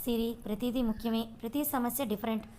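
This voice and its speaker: A woman's voice: a little high, steady tone, brisk, mellow, natural voice. A woman voicing a stern, hot-tempered police officer husband who speaks in curt commands.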